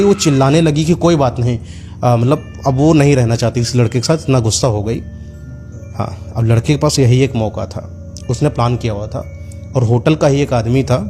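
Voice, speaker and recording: A man's voice: mid-range voice, a little mellow. A man narrating a horror story in a loose, conversational way, with frequent fillers.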